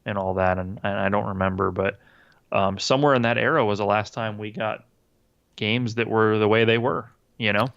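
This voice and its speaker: A low-voiced man with a gravelly edge co-hosts a casual gaming podcast, rambling through his points with plenty of fillers, restarts and swearing. His voice comes through a dull, lo-fi remote recording. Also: fairly even intonation, normal speed, fairly bright tone. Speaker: podcast co-host.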